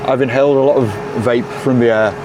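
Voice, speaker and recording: Young man talking to camera in a casual vlog, upbeat and loose, sprinkling in swear words and laughs. His voice sits at an ordinary middle pitch, with street and traffic noise audible clearly behind him. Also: fairly even intonation, quick pace. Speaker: DJ and vlog host.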